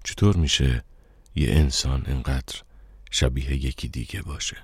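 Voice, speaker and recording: A man reading the part of a reserved, brooding German musician in an audiobook, speaking low and terse. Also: creaky, darkish tone, husky, dry recording, heavily acted. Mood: curt, subdued.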